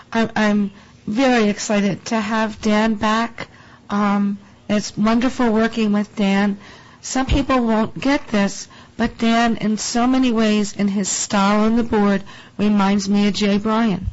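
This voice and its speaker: Woman, board member, hoarse, voice almost gone, teasing, mid pitch, lo-fi meeting recording. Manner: warm-humored, teasing colleagues. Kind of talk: remarks at a public meeting. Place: town board meeting room.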